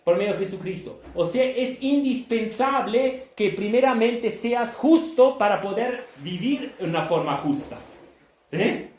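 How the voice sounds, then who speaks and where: River plate preacher guy, high voice, kinda shouting, echoey church room. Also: expressive, a little slow. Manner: emphatic, often checking with "¿sí?", half shouting. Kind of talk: sermon. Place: church hall.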